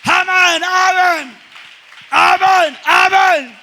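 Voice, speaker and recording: A man preaching a Pentecostal revival sermon in a church with a Colombian accent, swinging from shouted praise to low, intimate tones. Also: steady tone, very slow, a faint crowd, slight background noise. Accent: Colombian Spanish. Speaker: pastor. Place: church service before a congregation.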